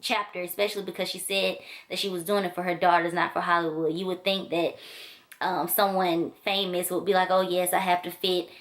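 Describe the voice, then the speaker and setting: A woman's voice: fairly low pitch, flat delivery, fairly quick, fairly bright tone. A woman chatting casually and enthusiastically to her camera as she reviews a book, with loose filler-heavy talk. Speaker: book vlogger. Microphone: camera mic.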